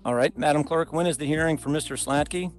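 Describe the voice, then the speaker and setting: A man's voice: on the high side, a little fast, soft background music. A man presiding as a judge in a remote traffic hearing, talking plainly and courteously through procedure. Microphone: video call.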